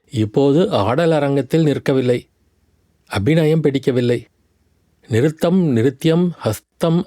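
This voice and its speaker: A man's voice: mid-range voice, warm tone, dry recording, clean studio sound, lightly acted. A man playing a proud young warrior prince who talks with a teasing, pleading manner, in an audiobook reading. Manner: mocking, then pleading.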